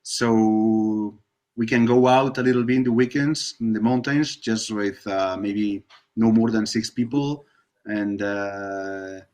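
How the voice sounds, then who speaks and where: Hesitant man with a Basque accent. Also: on the low side. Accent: Basque Spanish. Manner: hesitant non-native English. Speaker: film-maker guest in live chat. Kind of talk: casual live video chat. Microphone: video call.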